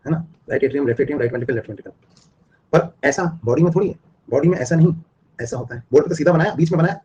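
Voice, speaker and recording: A man's voice: fairly high pitch, darkish tone, husky, muffled recording. A man teaching a live online biology class, repeating and drilling his points and asking students questions. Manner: repetitive, drilling explanations, asks students questions.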